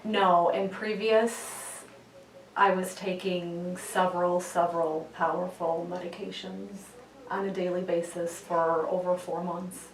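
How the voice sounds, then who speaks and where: A woman's voice: on the low side, flat delivery, unhurried. A woman giving brief, agreeable answers as a patient in a casual testimonial interview. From United States, Chicago area. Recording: distant mic in echoey room.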